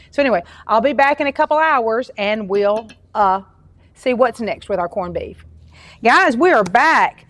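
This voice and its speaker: A middle-aged Southern American woman walks viewers through a recipe in a relaxed, homey cooking-show chat, often pausing on fillers and starting her sentences over. She sits at an ordinary pitch for a woman. Her voice comes through a lapel mic and sounds dry and close, with no room echo. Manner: homey, chatty, with frequent fillers and restarts. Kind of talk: casual cooking demonstration. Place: home-style kitchen studio.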